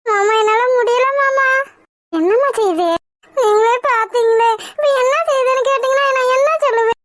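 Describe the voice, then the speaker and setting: Very high, bright cartoon voice from a woman. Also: fairly even intonation, a little fast. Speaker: cartoon voice artist. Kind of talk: cartoon comedy voicing.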